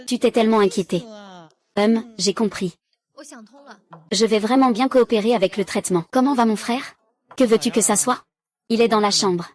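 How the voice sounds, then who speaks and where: A woman voicing all the roles of a drama series in one even, unchanging reading voice. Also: medium pitch. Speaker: voice-over dubber. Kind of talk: single-voice dub of a drama series.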